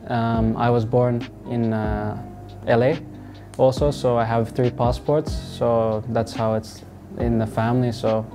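A young man from Australia, a football player answering interview questions in a relaxed, halting way with many fillers. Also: mid-range voice. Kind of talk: sit-down interview. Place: indoors in front of a wall of football boots. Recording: music playing underneath.

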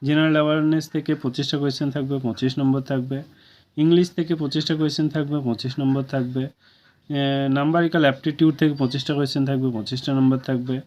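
A man's voice: mid-range voice, fairly even intonation, quick pace, a little mellow. A man with a Bengali accent, going through a job vacancy notice for viewers in a casual, chatty way and checking in often to ask if they follow. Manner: casual, keeps asking "okay?" to viewers. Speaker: job news presenter. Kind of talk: informal job-vacancy explainer. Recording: dull lo-fi recording.

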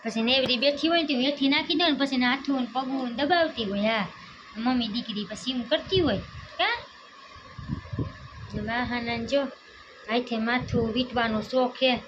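A woman's voice: on the high side, moderate pace. A young woman, chatting casually at home as a mother in a family vlog and fussing over her little daughter. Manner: chatty, doting, talks to her small daughter. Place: home, indoors. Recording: dull muffled home audio with loud background noise.

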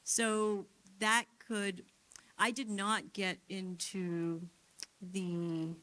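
Woman answering academic questions, halting. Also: medium pitch, flat delivery, bright, forceful tone. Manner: thoughtful, halting, many restarts and "um"s. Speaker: conference speaker answering questions. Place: theater hall at a conference.

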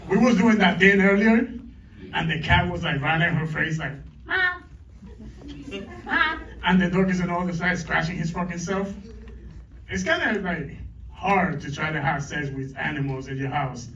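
A man's voice: on the high side, moderate pace, fairly bright tone, a little hiss or hum. Crude man doing stand-up in echoey club. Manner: crude, crowd-teasing banter. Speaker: stand-up comedian. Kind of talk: stand-up comedy set. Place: comedy club stage. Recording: echoey club, distant mic, dull lo-fi.

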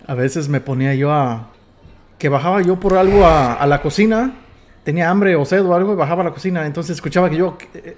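A Mexican man commentating his gameplay casually, excitable and quick to swear, stammering as he tells stories. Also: a little high, a little hiss or hum. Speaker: gamer. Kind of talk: casual let's play commentary.

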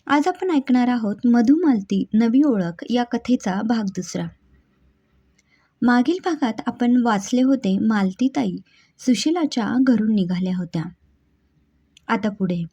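A woman host narrates a scripted story in a calm, measured voice. Her tone is mellow and breathy. The recording sounds dull and lo-fi. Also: fairly high pitch.

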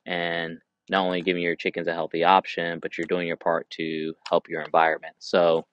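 A man in his thirties talking casually outdoors in a backyard, in a relaxed way with fillers and restarts, as he reviews chicken feed for his vlog. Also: low voice, moderate pace, muffled recording. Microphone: camera on a tripod a few meters away. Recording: faint outdoor noise with hens clucking. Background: chickens clucking.

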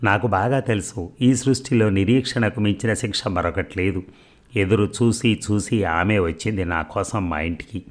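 A man with a very low, deep voice tells a scripted story in the first person. His delivery is measured and reflective.

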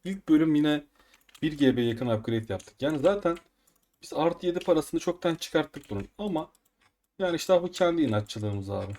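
A man casually commenting on his own gameplay as a gaming video host, excitable and quick to get frustrated. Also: fairly high pitch. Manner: excitable, frustrated outbursts while upgrading items. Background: keyboard typing and mouse clicks.

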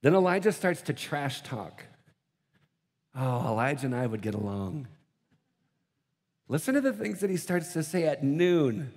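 A man preaching a sermon as pastor, moving between hushed, slow prayer and loud, quick bursts, acting out scripture scenes in mock voices. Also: on the high side, sing-song, breathy edge, long reverb tail. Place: church auditorium.

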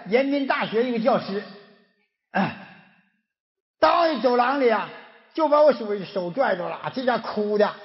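High-pitched Northeastern Mandarin man lecturing. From Northeast China. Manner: earnest, exhorting, with rhetorical questions. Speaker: moral lecturer. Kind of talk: folk moral lecture. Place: lecture hall. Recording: echoey lo-fi hall recording.

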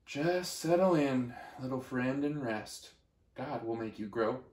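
A man voicing a friendly, calm young orange tree who talks in a gentle, reassuring way. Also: medium pitch, unhurried, roomy sound.

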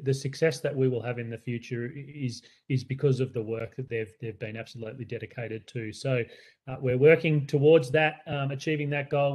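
A man's voice: medium pitch, darkish tone. An Australian man who leads a school, presenting to parents in an earnest, conversational way with many fillers and restarts. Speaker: school leader.

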